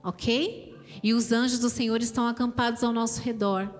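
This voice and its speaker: Woman, Brazilian accent, children's preacher, higher voice, animated, church hall echo, soft music. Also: normal speed. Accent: Brazilian Portuguese. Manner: animated, asks the kids questions. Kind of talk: children's sermon.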